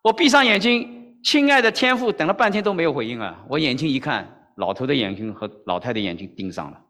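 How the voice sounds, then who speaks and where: Animated male preacher in a reverberant hall. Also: medium pitch, a little fast. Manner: animated, acts out dialogue, frequent "OK?" to the audience. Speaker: pastor. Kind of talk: sermon with storytelling.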